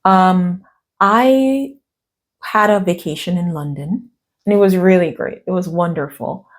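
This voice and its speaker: A middle-aged American woman with a lowish voice speaks at a measured pace in a casual vlog, reading a story from her notes and slipping in quoted asides from others. She sounds chatty, and her voice is still worn as she recovers from a cough that took it away.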